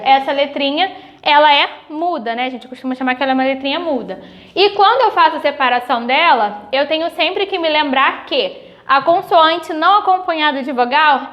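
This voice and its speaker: A woman teacher with a Brazilian accent giving a recorded grade-school lesson, patiently spelling out sounds slowly. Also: sits high, dull audio. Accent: Brazilian Portuguese.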